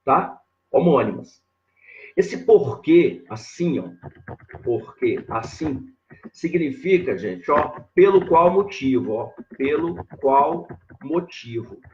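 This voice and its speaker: A man teaching grammar in a live online lesson, talking slowly and repeating himself as he points things out on a board. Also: on the high side, big pitch swings, lo-fi sound, slight background noise. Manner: slow and repetitive, constantly saying "ó" and "olha lá" while writing on a board.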